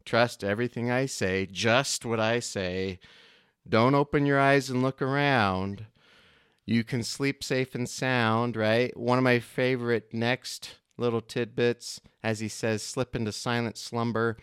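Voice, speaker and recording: A man hosting a podcast in a casual, easygoing way. His voice is smooth and clear, recorded dry and close. He laughs easily and reads news items in a plain, conversational tone. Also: medium pitch, fairly even intonation, slow pace, a bit bright, no echo. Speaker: podcast co-host.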